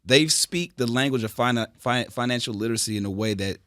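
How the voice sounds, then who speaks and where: A man hosting a casual interview, relaxed and stumbling over his words as he asks questions. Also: medium pitch, a little fast, no room sound. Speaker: interview host.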